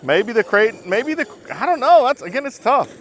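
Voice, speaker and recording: A man doing casual outdoor vlog commentary about RC cars, excited, exclaiming and laughing as he drives. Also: extremely high pitch, moderate pace, a little hiss or hum. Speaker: RC car vlogger.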